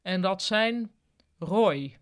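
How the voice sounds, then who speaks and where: A reader voicing a tall male company boss who speaks in a brief, formal, measured way. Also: high voice, fairly bright tone.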